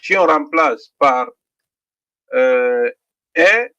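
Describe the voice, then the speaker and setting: A middle-aged man with a Guinean French accent teaching a literacy lesson, slowly sounding out syllables and often checking in with the class. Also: fairly high pitch, lively intonation, sharp tone, muffled recording. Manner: slow, deliberate, repeats each sound; checks in with "d'accord?".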